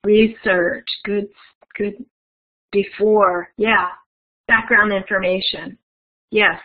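Over tinny, phone-like webinar audio, a woman delivers a conference keynote, friendly as she guides listeners through an interactive activity. Her pitch is medium, her intonation fairly even, and she speaks slowly.

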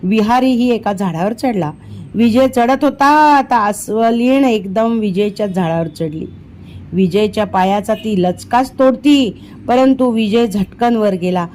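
A woman with a slightly high voice reads a children's storybook aloud in a quiet room. She narrates with feeling and performs the characters' lines herself, raising her voice when danger comes. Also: measured pace, slight background noise. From India. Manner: expressive, voices the dialogue with rising pitch in tense moments. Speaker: audiobook reader.

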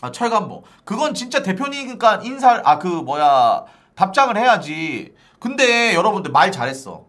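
Guy streamer ranting to chat, bright voice that jumps all over the place. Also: high-pitched, sing-song, moderate pace, few pauses. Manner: exasperated, ranting, repeats "아니" constantly. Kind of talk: live stream rant to viewers.

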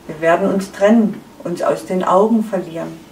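A woman voicing a calm, contented egg yolk who gently calms its partner, read in a roomy space from a distance. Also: on the low side, moderate pace, natural voice. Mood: soothing. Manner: soothing, placid. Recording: echoey room, far from the mic.

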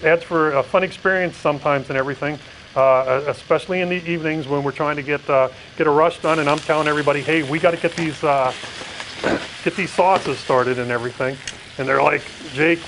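A middle-aged restaurant owner from Pennsylvania appears as a guest on a TV cooking segment, rambling with many fillers and repeated words. His fairly high, slightly bright voice keeps a steady tone at a fairly quick pace. The low-quality recording from the indoor studio kitchen set has a little hiss or hum and faint sizzling of frying food.

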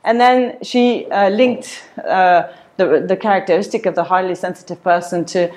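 A woman's voice: fairly low pitch, normal speed, a little mellow. A woman from Switzerland presents a seminar in an indoor meeting room, picked up by a camera some distance away. Her delivery is loose and hesitant, full of ums and uhs, with frequent small laughs. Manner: many fillers, hesitant, laughs often. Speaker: seminar speaker. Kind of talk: academic seminar talk. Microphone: far camera.

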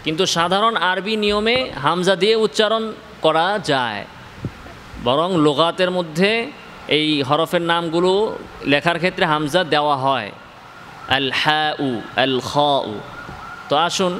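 A man from Bangladesh teaching Quranic letter pronunciation in a slow spoken lesson. He asks his listeners questions, answers them himself, and draws out each letter sound. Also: a little high, fairly bright tone, in a large hall, slight background noise.

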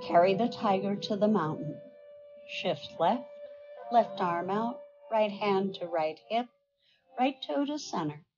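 An older woman instructor calling out tai chi movements in serene, measured short phrases. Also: mid-range voice, poor audio.

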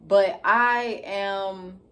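A woman's voice: mid-range voice, fairly even intonation, very slow, a bit bright. A woman in her thirties with a Chicago accent, chatting casually and colloquially as she tells a story in a vlog. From Chicago, United States. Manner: conversational, colloquial, frequently tags phrases with "you know what I'm saying". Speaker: nail technician vlogger. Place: living room at home, indoors.

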